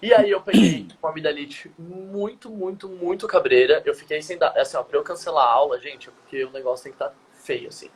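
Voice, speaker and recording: A man's voice: fairly high pitch, brisk, few pauses. A young man, a dance teacher, telling a personal story in a casual live stream over a video call and acting out the dialogue. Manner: animated, quotes dialogue vividly.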